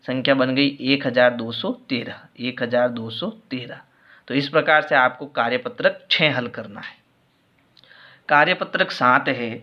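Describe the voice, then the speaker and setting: A man's voice: mid-range voice, dull audio. A man teaching a maths worksheet lesson, patiently explaining step by step and repeating each answer.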